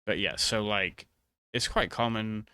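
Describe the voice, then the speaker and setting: A man talking casually to viewers in a rambling monologue, hesitant and halting, often trailing off mid-thought. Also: lowish voice, bright, forceful tone, clean tone, no room sound, studio quality. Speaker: vtuber video creator.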